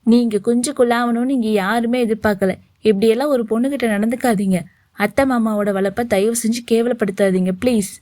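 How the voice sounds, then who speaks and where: A woman's voice: a little high, steady tone, brisk, mellow, no room sound, lightly acted. A woman voicing a flustered young woman who scolds and pleads, read as part of a story. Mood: indignant. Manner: indignant, pleading.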